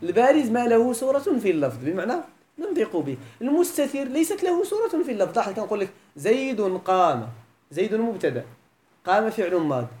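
Animated Moroccan woman teaching grammar. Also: mid-range voice, fast talker. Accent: Moroccan Arabic. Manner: quizzes the class with frequent questions. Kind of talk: classroom grammar lesson.

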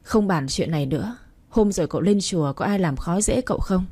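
A woman voicing a kind, gentle older single mother in a storybook reading, with a soft, husky voice. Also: on the low side, lively intonation, fairly quick.

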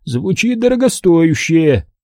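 A man's voice: on the high side, very animated, slow pace, mellow, no room sound, studio quality, voice pushed up, exaggerated voice. A man doing a jokey, chatty café owner. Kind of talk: audiobook character voice.

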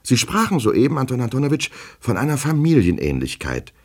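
A man's voice: medium pitch, wildly swooping pitch, pitched above the performer's own voice. A man voicing a timid, anxious male clerk who stammers and halts over his words. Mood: insistent. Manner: stuttering, halting, full of hesitations.

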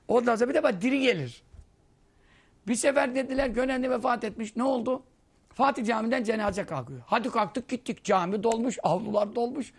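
High, gravelly-voiced man preaching. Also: brisk. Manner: storytelling, acting out quoted voices, lively swings in pitch and loudness. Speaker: Islamic preacher teaching hadith. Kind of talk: conversational religious lesson with anecdotes.

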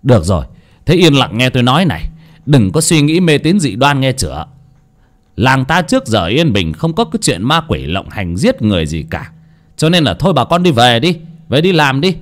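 A man's voice: medium pitch, very animated, normal speed, pitched above the performer's own voice, close to an everyday voice. A man playing a stern older village chief who lectures the villagers in a bossy way.

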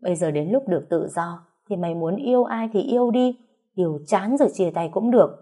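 A woman's voice: mid-range voice, lively intonation, a little fast, dark tone. A woman reader voicing a blunt young woman who pushes her friend frankly in a storybook reading. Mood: pushy. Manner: frank, teasing.

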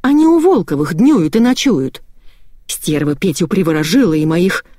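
A woman's voice: lowish voice, lively intonation, normal speed, warm tone, no room sound, studio quality. A woman voicing a hysterical, vicious middle-aged woman who shrieks and sobs. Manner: shrieking, sobbing outbursts.

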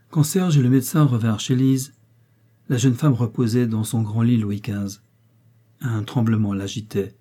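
A man narrating a classic novel as an audiobook in a measured storytelling manner. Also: on the low side, mellow, slightly rough.

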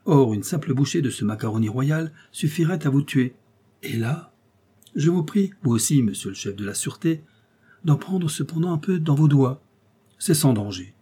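A man's voice: mid-range voice, animated, moderate pace, warm tone, husky, voice pushed up. A man voicing an earnest police detective in an audiobook, speaking in an explanatory, slightly theatrical way. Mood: lecturing. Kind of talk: audiobook character reading.

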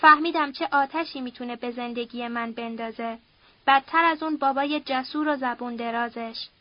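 A woman's voice: sits high, no room sound, muffled recording, close to an everyday voice. A woman reading an audiobook, voicing a furious, domineering older father who hurls coarse threats. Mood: raging. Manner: shouting threats, harsh and coarse.

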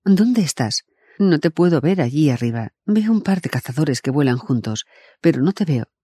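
A man's voice: a little high, animated, moderate pace, warm tone, slightly rough, no echo, clean studio sound. A man doing a blunt, demanding man on the radio. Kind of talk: audiobook character voice.

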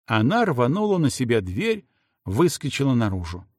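A man reading an audiobook in a measured, dramatic way. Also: mid-range voice, very animated, a little mellow, dry recording, clean studio sound. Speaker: audiobook narrator. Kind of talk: audiobook narration.

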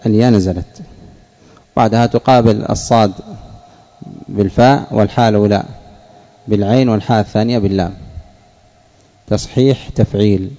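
Gravelly man teaching a slow lesson. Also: on the low side, warm tone. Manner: slow, deliberate, repeats key words for students. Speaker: sheikh teaching Arabic morphology. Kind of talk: classroom lesson with questions to students. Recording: dull lo-fi lesson recording.

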